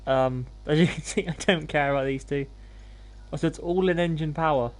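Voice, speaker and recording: A man's voice: fairly high pitch, normal speed. A man hosting a gaming livestream, talking in an informal, laid-back, self-deprecating way as he commentates. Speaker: live streamer hosting gameplay.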